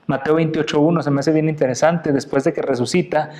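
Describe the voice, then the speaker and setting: Man from Mexico preaching with animated swings. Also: fast. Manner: animated preaching, acting out quotes with big pitch swings; addresses listeners directly with questions. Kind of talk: sermon.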